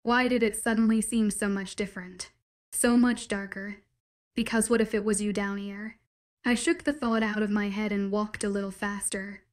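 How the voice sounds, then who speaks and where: A woman's voice: medium pitch, level tone, moderate pace. A woman narrating a first-person story in a wry, conversational manner.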